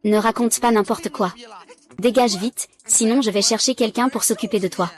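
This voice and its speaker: A woman's voice: a little high, moderate pace. Woman dubbing every part in one voice. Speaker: voice-over dubber. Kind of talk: single-voice dub of a drama series.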